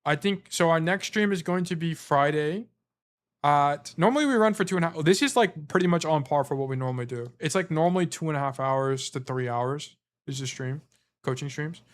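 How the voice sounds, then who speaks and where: A man with a slightly high voice talks fairly quickly while coaching on stream. He reviews gameplay in a relaxed, rambling manner, leaning on fillers, and his voice is fading.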